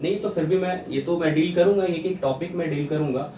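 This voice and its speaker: A man's voice: a little high, a little fast. A man teaching an exam-prep English class in mixed Hindi and English, explaining step by step and sounding out words syllable by syllable. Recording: roomy echo, distant mic, faint hiss.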